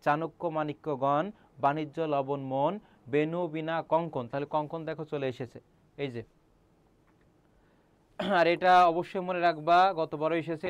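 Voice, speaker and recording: With a Bangladeshi Bengali accent, a middle-aged man teaching as a senior instructor in an online admission-prep class explains step by step, quizzes his students frequently and keeps clearing his throat. His voice runs somewhat high; the audio has no room sound and its highs are cut off.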